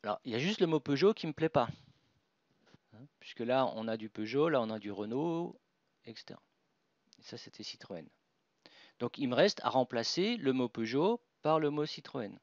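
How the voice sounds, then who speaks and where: A man presents a software tutorial, talking through each click on his screen with fillers and restarts. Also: mid-range voice, lively intonation, normal speed, pauses often, dry recording. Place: at a computer. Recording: dull, dry voice-over with mouse clicks.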